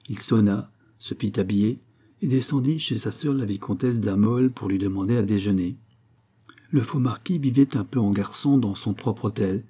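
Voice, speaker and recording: A man narrating a classic novel as an audiobook, with an even storytelling delivery. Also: on the low side, slightly rough. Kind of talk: scripted narration.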